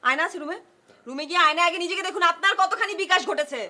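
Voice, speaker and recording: A woman's voice: extremely high pitch, rapid-fire, full character voice. An actress playing a fiery young woman neighbour who rehearses dramatic lines and snaps back in an argument. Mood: angry. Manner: chanting theatrical rehearsal lines, then snapping back. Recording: echoey room with loud music.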